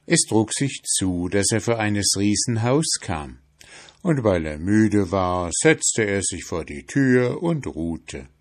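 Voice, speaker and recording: A man reads a classic fairy tale aloud in a measured, storytelling voice. His pitch sits low and he takes his time, letting each phrase land. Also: sing-song. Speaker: audiobook narrator. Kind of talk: scripted fairy tale narration.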